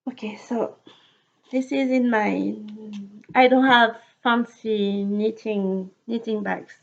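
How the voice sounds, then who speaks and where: Speaking in a steady, gravelly voice on the high side, a French-accented knitting podcaster from France, whose native language is French, casually discusses her projects. Her delivery is halting, with repeated words as she reaches for vocabulary and gentle laughs, recorded in dull lo-fi quality.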